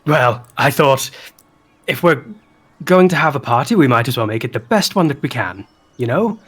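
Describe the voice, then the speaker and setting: A man voicing an excitable winged party host, booming, eager and rambling, in a tabletop game. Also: normal speed, slightly rough. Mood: cheerful, rambling. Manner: rambling, enthusiastic, shouting over everyone.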